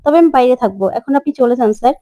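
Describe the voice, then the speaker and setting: Soft earnest young woman begging gently, woman doing the voice. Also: a little high, racing, no echo, highs cut off, close to an everyday voice. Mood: pleading. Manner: soft, quiet, earnest pleading. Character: gentle caring young woman pleading softly.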